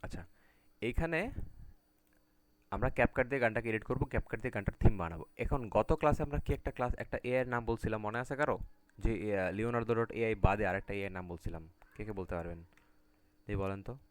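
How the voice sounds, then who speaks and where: A man whose voice is on the low side leads a live online class on a video call, speaking briskly and pausing often, with no echo. He keeps it casual and regularly checks in with the students by repeating "ঠিক আছে?".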